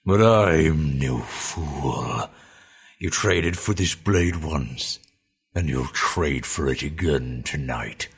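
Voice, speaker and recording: A gruff, suspicious young orc warrior from a fantasy storybook, talking slow and guarded, as a male narrator acts him out. The voice drops very deep. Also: lively intonation, full character voice.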